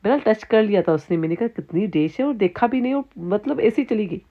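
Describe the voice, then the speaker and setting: A woman's voice: medium pitch, animated, muffled recording. A woman in her thirties, a native Sindhi speaker with a Sindhi accent, chatting casually and rambling through a home vlog. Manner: chatty, rambling, frequent restarts and asides. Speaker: vlogger.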